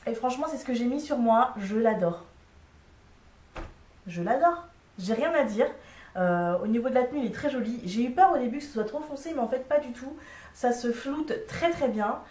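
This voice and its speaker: A woman's voice: on the high side, a little mellow, far from the mic. Chatty woman reviewing makeup, echoey room. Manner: chatty, many fillers, frank opinions. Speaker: beauty vlogger. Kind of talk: casual product review. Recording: echoey room, a bit off-mic.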